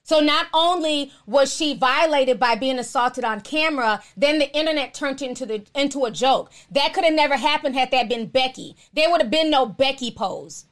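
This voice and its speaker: Woman, high voice, live stream host, sassy, blunt, slangy, casual, outspoken, responding to chat. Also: moderate pace, hardly any pauses, a bit bright. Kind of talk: casual live chat, reading and answering viewer comments.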